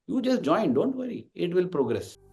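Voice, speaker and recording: A man in his forties with an Indian English accent gives an emphatic devotional talk as an invited speaker, acting out the dialogue in his stories for the congregation. His voice is high, creaky, and a little mellow, swinging widely in pitch at a moderate pace. Slight background noise is present.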